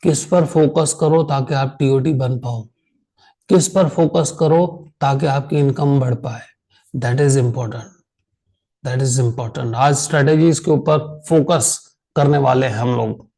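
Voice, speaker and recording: Tired after a long meeting, an Indian man leads an online insurance sales training, speaking slowly and repeating key phrases for emphasis. His medium-pitched voice is dark with vocal fry, and the recording is rough.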